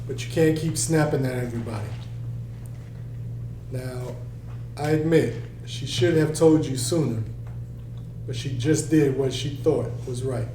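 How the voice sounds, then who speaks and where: During a screenplay table read, a man plays a stern but caring middle-aged father who is also a restaurant boss, alternating between scolding and reassurance in a gentle, reassuring mood. His mid-range voice is unhurried and lightly acted with long pauses, recorded in an echoey room on a distant mic with a faint hum.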